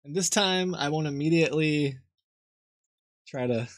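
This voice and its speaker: A young man chats casually to his livestream, muttering half to himself in a low-key way. His voice is close and dry on the mic. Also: a little slow, no echo. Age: young adult. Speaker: live streamer. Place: small room at home.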